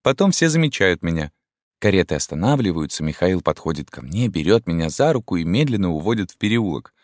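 A man reading an audiobook voices a sad young woman telling a dream, in a soft, wistful manner. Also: low-pitched, sing-song, fairly quick, dry recording, clean studio sound, voice pushed up. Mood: dreamy, wistful.

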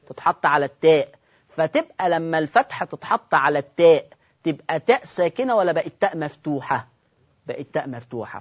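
A man with an Egyptian accent teaching Quran recitation on television, quizzing his listeners, repeating key points and slowing down to recite examples. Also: high-pitched. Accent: Egyptian Arabic. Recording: dull lo-fi broadcast audio.

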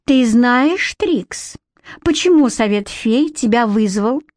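A woman's voice: a little high, takes it slowly, dry recording, studio quality, pitched above the performer's own voice. A woman voicing a kind but authoritative fairy leader. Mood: stern. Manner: calm, authoritative.

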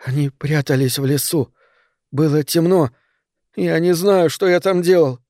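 A man's voice: a little high, fairly even intonation, measured pace, a little mellow, no echo, clean studio sound, pitched above the performer's own voice, close to an everyday voice. A man voicing a terrified nine-year-old boy in shock, pleading in a shaky voice. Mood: shaken.

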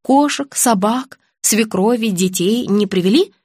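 A woman voicing a sharp-tongued clinic receptionist who talks in a mocking, snappy way. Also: mid-range voice, a little slow, slightly rough, dry recording, clean studio sound.

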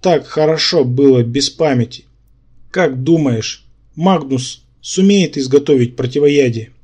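Hoarse, bitter clawed monster hero in an audiobook, read by a man. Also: medium pitch, a little slow, darkish tone. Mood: moaning. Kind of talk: audiobook character voice.

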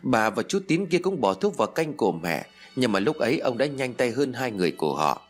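A man's voice: medium pitch, very animated, a little fast. A man voicing the ghost of a young boy who is bitter and vengeful, with a sulky, childish, reproachful way of talking. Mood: resentful.

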